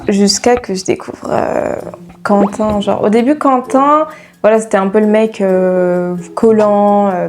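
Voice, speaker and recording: A young woman with a French accent, chatting casually to her viewers in an animated, giggly way. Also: mid-range voice. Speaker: YouTuber. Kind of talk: casual chat to camera.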